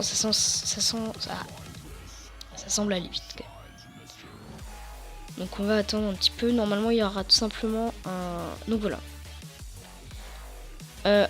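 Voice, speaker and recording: A French teenage girl with a medium-pitched, slightly hoarse voice records a casual computer tutorial at home for her YouTube audience. She rambles, using lots of fillers and restarting sentences often.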